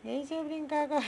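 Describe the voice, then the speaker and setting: A woman talking baby talk to her pet turtles, cooing in a high sing-song way and calling herself mama. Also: darkish tone, a little hiss or hum.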